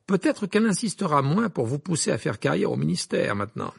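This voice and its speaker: A man's voice: on the high side, big pitch swings, brisk, gravelly, husky, no echo, clean studio sound, voice pushed up, exaggerated voice. Harry, a firm teenage boy wizard, as a man reads him. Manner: firm, insistent.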